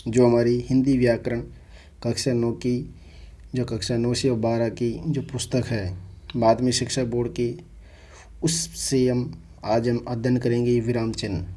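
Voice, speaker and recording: A man teaching an online exam-prep grammar lesson, explaining slowly and repeating himself, often asking the class questions he then answers. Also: mid-range voice, dark tone.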